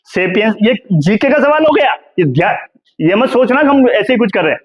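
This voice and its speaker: Man, high pitch, from India, middle-aged, history professor, classroom lecture, questions the students, keeps adding "hai na". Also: big pitch swings, moderate pace. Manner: asks the class questions and answers them himself.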